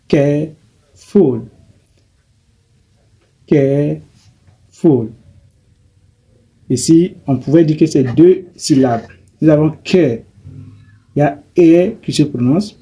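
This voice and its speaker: A man teaching a grammar lesson, slowly and haltingly, repeating himself and correcting his as he goes. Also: fairly high pitch, dark tone, slightly rough. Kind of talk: grammar lesson explaining English adjectives.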